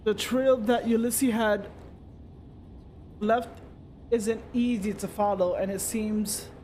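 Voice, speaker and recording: A man streaming and reading a story game aloud in first person, steady with occasional slips and restarts. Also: high-pitched, takes it slowly, slight background noise.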